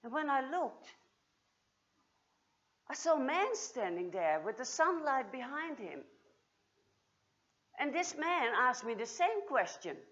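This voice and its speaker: A woman performing a dramatic first-person monologue as Mary Magdalene, moving between hushed and exultant, recorded in a church. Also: high voice, sing-song, takes it slowly, pauses often, highs cut off. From Australia. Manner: theatrical, swings from hushed to exultant. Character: Mary Magdalene, grieving then joyful woman.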